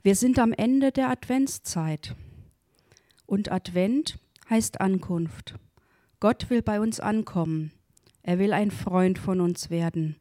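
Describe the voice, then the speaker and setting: Slow, mellow woman reading a devotional story. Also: medium pitch, no room sound, studio quality. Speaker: devotional reader.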